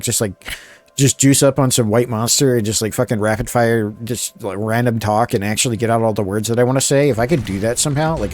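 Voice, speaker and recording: A man from the suburbs, chatting casually on a live stream, mumbling a little, talking fairly slowly and rambling with restarts. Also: medium pitch, darkish tone, slight background noise. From Philadelphia suburbs, USA.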